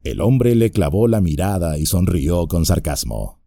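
Audiobook narrator, man, mellow tone, lively melody. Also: deep voice, unhurried, creaky, no echo, studio quality. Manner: expressive storytelling. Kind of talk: scripted narration.

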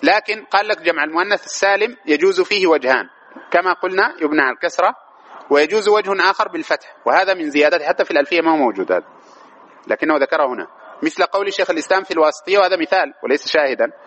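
A man's voice: fairly high pitch, expressive, racing, fairly bright tone, poor audio. A man teaching a grammar lesson, constantly quizzing his students with repeated questions.

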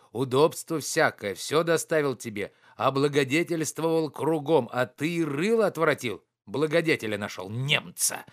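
A man doing a blustering bully shouting abuse. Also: medium pitch, lightly acted. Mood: scolding. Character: boorish loud middle-aged man, quarrelsome bully. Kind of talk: audiobook reading.

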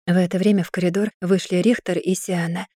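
Woman narrator, audiobook, steady, even delivery, dark mellow voice, dry close sound. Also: fairly low pitch, fairly quick, no echo.

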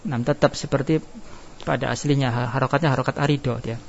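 A man's voice: mid-range voice, steady tone, fast, vocal fry, a little hiss or hum. A male teacher giving a grammar lesson, explaining step by step and asking his class questions that he then answers himself. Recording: dull lo-fi classroom recording.

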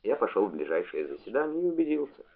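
A man reading a memoir aloud as an audiobook narrator, in a measured literary delivery, on a tinny phone-like recording. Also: lowish voice, big pitch swings, creaky.

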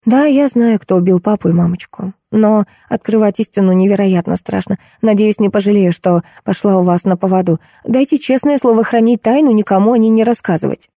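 A woman's voice: mid-range voice, a little fast, few pauses, warm tone, no echo, clean studio sound, lightly acted. A woman reading the part of a timid, anxious young woman who pleads and frets, in an audiobook. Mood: fearful. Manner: fretful, pleading. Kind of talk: audiobook character voice.

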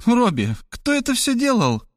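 A man's voice: very high voice, wildly swooping pitch, moderate pace, no echo, studio quality, voice pushed up, heavily acted. A man voicing a pushy, scolding elderly mother in an audiobook. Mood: nagging. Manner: scolding, insistent, dramatic. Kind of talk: audiobook character voice.

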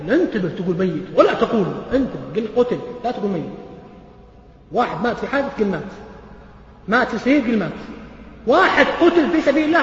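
A man preaching a sermon, asking the audience animated rhetorical questions. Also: sits high. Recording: echoey hall, dull lo-fi sound.

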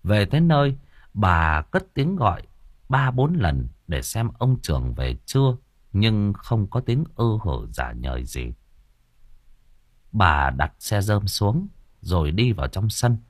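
A man narrating a horror story for an audiobook with expressive storytelling. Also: lowish voice, slow pace, dry recording, studio quality.

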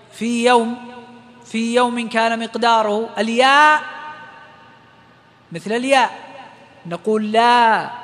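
A man with a very high, bright, forceful voice teaches recitation rules in a calm lesson. He explains each point and then intones the verse examples slowly. The sound carries a long reverb, as if he is in a big hall. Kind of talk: tajweed lesson.

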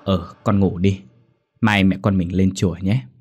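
A man's voice: low-pitched, steady tone, measured pace, darkish tone, husky, dull audio. A man voicing a protective, doting older mother who soothes her son in a storybook horror tale. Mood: soothing.

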